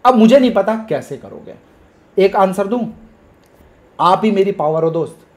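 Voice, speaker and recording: A man's voice: high-pitched, lively intonation, normal speed, darkish tone. Casting: male trading-channel host, hyped and emphatic, mixes English, pleads with viewers. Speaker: stock market trading educator. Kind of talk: energetic market commentary to camera.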